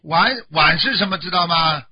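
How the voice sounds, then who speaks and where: A Buddhist master on a radio call-in show, explaining dreams to callers in plain terms and often checking whether they understood. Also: male voice, fairly high pitch, animated, normal speed, lo-fi sound, slight background noise.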